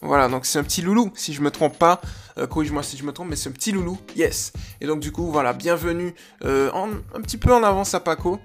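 A man's voice: fairly high pitch, fast talker, faint music behind. A man hosting a dog-training podcast in a chatty, enthusiastic monologue full of fillers.

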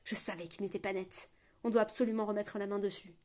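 A woman voicing a scheming charlatan who hisses and speaks slowly and condescendingly. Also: medium pitch, fairly even intonation, mellow, close to an everyday voice. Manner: hissing, slow and patronizing.

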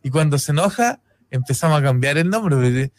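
A man's voice: a little high, animated, a little fast. A man, hosting an interview in a conversational way, summing up and checking in with his guest. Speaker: host.

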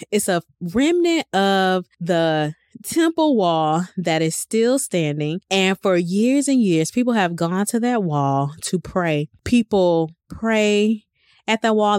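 A woman's voice: on the low side, a little mellow, smooth, no room sound. A woman hosting a podcast who shares a personal reflection in a heartfelt, emotional way and is often close to tears as she talks with devotion about prayer. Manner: devout, speaks of prayer with fervor; chatty, addresses listeners as y'all. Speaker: podcast host.

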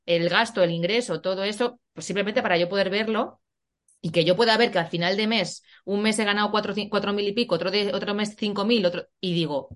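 A woman's voice: medium pitch, a little fast. Spanish woman hosting a podcast, talks casual and blunt, lots of restarts. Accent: Spanish from Spain. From Spain. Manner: frank, slangy, many restarts. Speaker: podcast host. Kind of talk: casual interview chat.

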